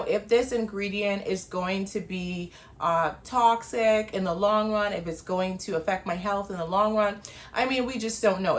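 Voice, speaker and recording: Woman hosting her own show, chatty, laughs a lot, quick little asides, mid-pitched voice. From Bahamas. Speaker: host. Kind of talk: casual talk-show monologue.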